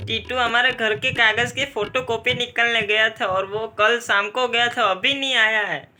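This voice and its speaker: A young man with a high, bright voice performs a comedy sketch. He hops between family characters, nudging his pitch up and down for each one. His delivery is quick and playful. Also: fairly even intonation, soft background music. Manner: plays several family roles with shifting pitch.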